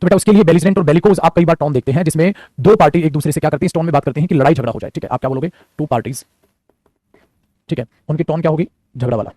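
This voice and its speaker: A male teacher, giving an online English vocabulary class; he talks rapidly, repeats phrases and keeps calling his students "beta". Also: fairly high pitch, dark tone, no room sound.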